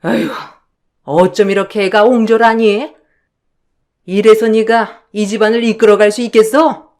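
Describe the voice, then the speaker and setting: A woman's voice: medium pitch, steady tone, unhurried, natural voice. A woman doing a scolding mother-in-law. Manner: scolding, sharp-tongued. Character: scolding older mother-in-law, bossy and petty.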